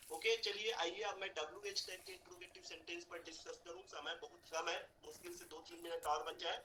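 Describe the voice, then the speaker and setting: A man teaching a spoken English class, repeating example sentences slowly and urging his students to practise and work hard. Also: high voice, sharp tone, slight background noise, rough recording. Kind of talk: online language class explaining grammar.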